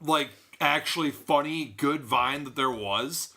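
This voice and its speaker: A man's voice: on the high side, a little slow, sharp tone. A man co-hosting a casual podcast chat, swearing freely and arguing his point. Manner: swears a lot, argumentative. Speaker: podcast co-host. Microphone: shared studio mic.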